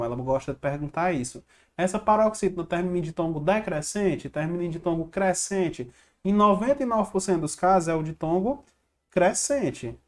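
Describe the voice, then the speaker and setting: A man teaching an online grammar lesson over slides. He quizzes the viewer, answers his own questions and repeats little rhymes to help them remember. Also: high voice. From Brazil. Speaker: exam-prep teacher.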